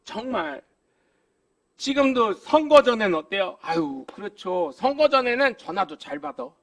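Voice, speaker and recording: A man preaching a live Sunday sermon as pastor, animated and humorous, with emphatic exclamations. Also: high voice, measured pace. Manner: animated, humorous, acts out dialogue.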